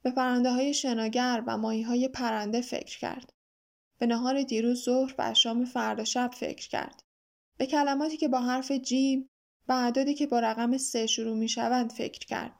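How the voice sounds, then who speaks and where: High-pitched woman reading a kids book aloud, calm and even. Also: creaky. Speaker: storyteller. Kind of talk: scripted audiobook narration.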